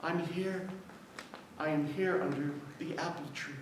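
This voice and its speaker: A man voicing a calm, wise wild fox in a gentle, plain manner at a live storytelling. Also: fairly high pitch, a little slow, noisy background, close to an everyday voice. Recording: echoey hall from far off.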